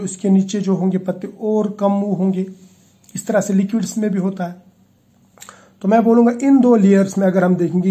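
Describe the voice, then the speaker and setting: A man with a high, mellow voice delivers a chemistry lecture. He explains each idea step by step, slips English technical terms into his Hindi, and keeps checking that his students follow. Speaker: chemistry teacher. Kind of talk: classroom lecture.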